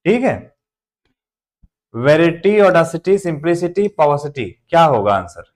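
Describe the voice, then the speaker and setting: A man's voice: a little high, sing-song, measured pace, darkish tone. A man with an Indian accent teaching English grammar in a live online class, joking through memory tricks and reading out viewers' names. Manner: jokey mnemonic explanations, reads out viewer names; motivational.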